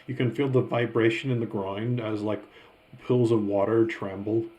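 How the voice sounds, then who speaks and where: A man running a tabletop game as game master, narrating scenes in a slow, descriptive way. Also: fairly low pitch, fairly even intonation, warm tone.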